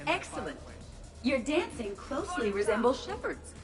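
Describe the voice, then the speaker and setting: A woman's voice: high voice, normal speed, over music. A woman playing a polite, dryly teasing artificial intelligence in a video game, speaking formally and precisely. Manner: formal, precise phrasing, deadpan.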